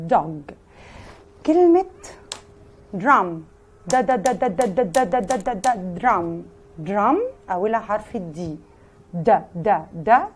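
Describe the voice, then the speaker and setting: A fairly high-voiced woman with an Egyptian accent runs a phonics lesson for small children. She drills each sound over and over, slow and emphatic, with bursts of loud stress on key letters. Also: a little hiss or hum. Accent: Egyptian Arabic. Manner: repeats sounds slowly and emphatically; animated, sudden loud emphasis. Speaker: teacher.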